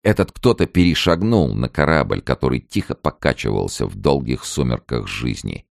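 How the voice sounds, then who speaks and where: A man with an extremely deep, gravelly voice narrates a story in a measured, unhurried way. His intonation rises and falls expressively, and the recording is dry and close to the mic. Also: sing-song, no echo. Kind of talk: literary audiobook narration.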